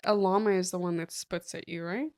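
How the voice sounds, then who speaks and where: A woman's voice: on the low side, steady tone, fairly quick, a little mellow. A woman co-hosting a podcast, chatting casually and laughing easily. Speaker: podcast co-host. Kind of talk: casual chat.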